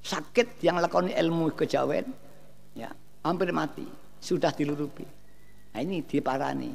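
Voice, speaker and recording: High-voiced, gravelly preacher. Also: male voice, moderate pace, darkish tone, slight background noise. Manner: rising and falling preaching cadence, mixing in Javanese. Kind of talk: sermon. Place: large outdoor field gathering.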